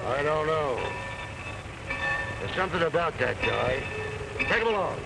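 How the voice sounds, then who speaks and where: An actor playing a gruff railroad boss who shouts orders at a work gang, heard in an early talkie film soundtrack. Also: male voice, on the high side, big pitch swings, measured pace, very noisy, heavily acted. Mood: brusque. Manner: bossy, shouting commands.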